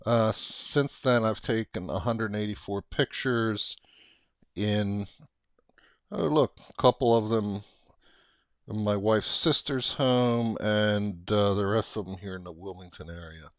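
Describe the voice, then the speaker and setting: A middle-aged American man giving an unscripted, casual software walkthrough, thinking aloud haltingly as he explains. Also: lowish voice, dry recording. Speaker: software tutorial presenter.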